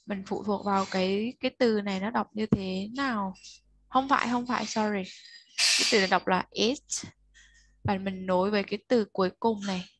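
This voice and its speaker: A woman's voice: medium pitch, steady tone, moderate pace, a little hiss or hum. A woman tutoring a child one-on-one, patiently explaining step by step and prompting the learner to answer. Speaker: English tutor.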